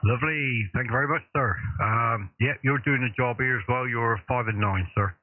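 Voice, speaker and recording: A man working as a radio operator over a crackly two-way radio, courteous and relaxed, giving call signs. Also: medium pitch, normal speed. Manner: relaxed and courteous, saying sir often. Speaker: amateur radio operator on a live stream. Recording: crackly narrow-band radio with static noise.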